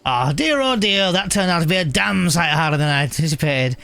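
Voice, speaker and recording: Man doing a grumbling gruff old rival. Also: fairly high pitch, expressive, a little fast, pushed and bright, dry recording, faint music behind, full character voice.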